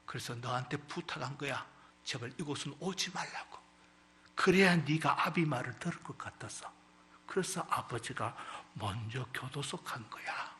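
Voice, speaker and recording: A man's voice: mid-range voice, normal speed, sharp tone, slight background noise, close to an everyday voice. A man voicing a sorrowful mother who earnestly pleads with her son.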